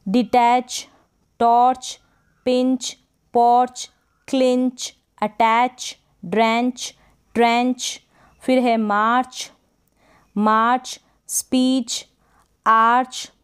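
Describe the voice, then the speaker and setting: A woman teacher walks through a phonics lesson, reading word lists slowly and repeating each one. Her voice is smooth and resonant, pitched a little high. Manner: slow, repetitive word-by-word drilling. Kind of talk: English phonics lesson in Hindi.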